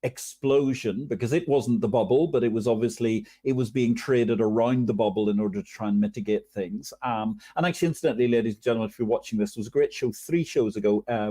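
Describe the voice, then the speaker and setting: Male livestream host, mid-pitched, mellow, talkative and direct with the audience. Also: breathy edge. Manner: chatty, addresses viewers directly. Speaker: interview host. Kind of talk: livestream interview.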